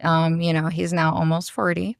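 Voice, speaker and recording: A woman's voice: low-pitched, little pitch movement, moderate pace, vocal fry. A woman in her thirties from Brazil, a podcast guest and business owner, talking in a rambling, friendly way. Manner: rambling, warm, full of "you know" fillers. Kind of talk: casual interview chat.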